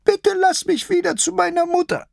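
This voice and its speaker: A man's voice: extremely high pitch, normal speed, gravelly, no echo, studio quality, voice pushed up, heavily acted. A man voicing a timid young lion raised as a sheep, who whimpers, pleads and bleats. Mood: frightened pleading.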